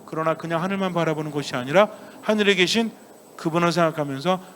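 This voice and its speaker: Priest with a lively, questioning sermon voice. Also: male voice, on the high side, quick pace, a little hiss or hum. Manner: asks the congregation many questions and answers himself; acts out children's voices in a playful story. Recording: long church reverb.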